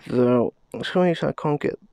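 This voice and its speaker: A Scottish vlogger in his thirties talks to a handheld phone camera outdoors in a pine forest, muttering slowly and casually and swearing under his breath. His mid-range voice is creaky and mellow, with no echo.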